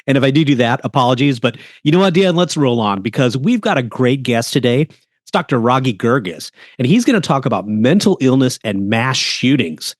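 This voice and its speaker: A man's voice: mid-range voice, animated, a little fast, no echo, studio quality. A man co-hosting a podcast while getting over the flu, talking with a lozenge in his mouth and introducing the guest conversationally. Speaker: podcast co-host. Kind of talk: podcast interview.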